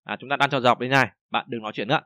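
A man with a Vietnamese accent teaching a language lesson, reading example sentences slowly and then explaining them in a casual, chatty way. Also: mid-range voice, steady tone, pushed and bright, dry recording, studio quality. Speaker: Chinese teacher.

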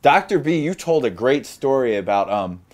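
A man's voice: mid-range voice, very animated, normal speed. A man co-hosting a podcast, talking in a loose, joking way with lots of fillers. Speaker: podcast co-host. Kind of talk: casual chat.

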